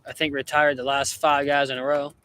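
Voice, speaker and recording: A young man calling amateur baseball play-by-play in a relaxed, chatty way, often correcting himself. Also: medium pitch, brisk, clean tone. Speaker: play-by-play announcer.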